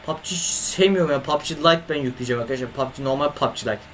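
A man's voice: medium pitch, brisk, fairly bright tone, slight background noise. A young man streaming games live, chatting casually with viewers and grumbling at his computer, from a home setup on a desk microphone. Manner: swears and grumbles at the computer, talks to chat. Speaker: gaming streamer.

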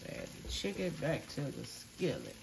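A congested man narrating a casual cooking video from his home kitchen, relaxed and chatty, talking to viewers as y'all. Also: medium pitch, moderate pace, creaky, noisy background. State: congested, coughing. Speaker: home cook.

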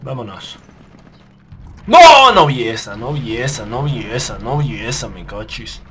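A man commentating on his own game run, swearing, yelling when startled, and muttering to himself. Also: fairly low pitch, moderate pace, slight background noise. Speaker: gaming video host. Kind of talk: let's play commentary.

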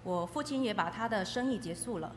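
In a reverberant hall with light noise in the background, a woman rapidly renders testimony phrase by phrase. Her voice sits at a medium pitch and moves with lively intonation.

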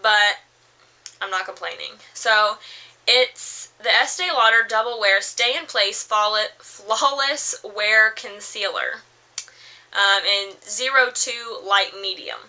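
Bright, chatty young woman vlogger. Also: mid-range voice, takes it slowly, rough recording. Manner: chatty, rambling, lots of fillers and restarts. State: slightly hoarse from allergies. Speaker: beauty vlogger. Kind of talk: casual makeup haul review.

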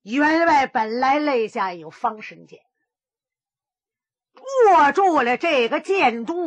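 A woman's voice: fairly high pitch, a bit bright, husky, no echo. A woman storyteller performing a traditional pingshu tale with dramatic exclamations and vocal sound effects.

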